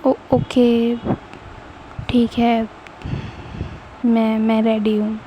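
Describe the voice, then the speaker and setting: A timid young woman who stammers as she answers, voiced by a female storyteller. Her voice sits fairly high and mellow, with a narrow, even pitch and an unhurried pace. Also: a little hiss or hum. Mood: nervous. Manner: hesitant, stammering. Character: nervous shy young woman, sweet.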